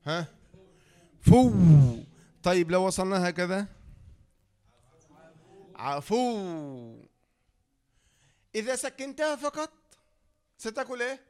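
A man with an Egyptian accent teaching a tajweed lesson, who asks the class questions, answers them himself, and slowly draws out the example sounds. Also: high-pitched, lively intonation, smooth. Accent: Egyptian Arabic. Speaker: Quran recitation teacher.

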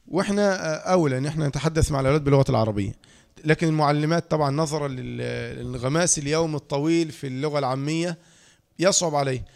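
A man with an Egyptian accent teaching Quranic letter pronunciation to trainee teachers, demonstrating sounds and asking his students questions. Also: a little high. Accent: Egyptian Arabic. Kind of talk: lecture on tajweed pronunciation.

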